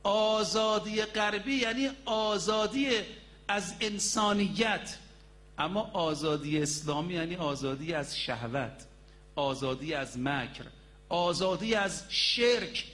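A man's high, fairly bright voice carries a sermon built on emphatic storytelling. Key words get drawn out, and he talks directly to those listening.

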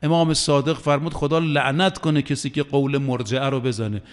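A man's voice: mid-range voice, fairly even intonation, clean tone, long reverb tail. A man preaching a sermon, earnest and emphatic, quoting Arabic verses.

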